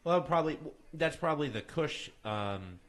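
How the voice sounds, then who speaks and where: A man's voice: fairly high pitch, expressive, moderate pace, fairly bright tone. A man hosting a casual late-night talk show, joking and rambling loosely. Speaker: host. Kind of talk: casual chat.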